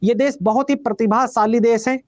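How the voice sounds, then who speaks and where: A man with a Bihari Hindi accent teaching a geography class, repeating each item slowly for students to write down and calling them "beta". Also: extremely high pitch, steady tone.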